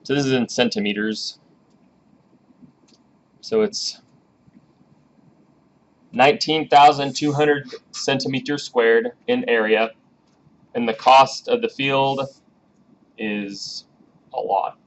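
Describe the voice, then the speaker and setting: A man's voice: mid-range voice, slow, long pauses. Casual thirty-something male programming teacher. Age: 30s. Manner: casual, chatty, coaxing students to ask questions. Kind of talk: classroom lecture. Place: classroom. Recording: dull, lo-fi classroom recording with faint background hiss.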